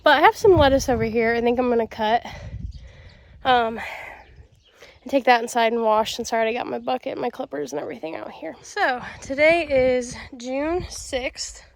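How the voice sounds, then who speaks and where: A woman's voice: sits high, moderate pace, gravelly. A young woman vlogging casually from her home garden, rambling along with plenty of ums and sos. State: out of breath and sweaty.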